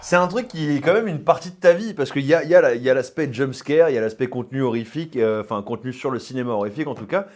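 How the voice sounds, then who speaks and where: A man's voice: medium pitch, expressive, very fast, few pauses, a little mellow. A man hosting a casual interview, talking in an informal, chatty way. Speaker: host of a food-challenge interview show.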